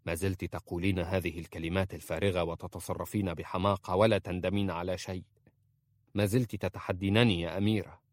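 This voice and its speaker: A man's voice: sits low, a little fast, darkish tone, no echo. Man reading as a stern but tender young nobleman. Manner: trying to sound stern.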